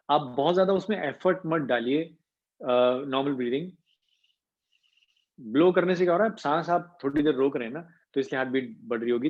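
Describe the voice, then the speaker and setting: A male voice coach leads an online class and explains breathing and pitch step by step. His voice sits in a middle range. The call audio is muffled and lo-fi. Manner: explanatory, mixing in English terms. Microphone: video call.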